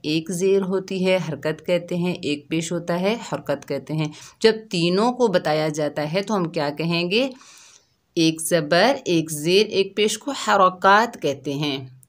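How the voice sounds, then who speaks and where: A woman teaching children to read Quranic letters. She speaks very slowly and carefully, spelling out each letter before she sounds it. Her voice sits fairly low. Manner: drawn-out syllable drills, spelling each letter then sounding it; patient, addresses listeners as dear children. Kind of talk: slow, careful recitation lesson for children.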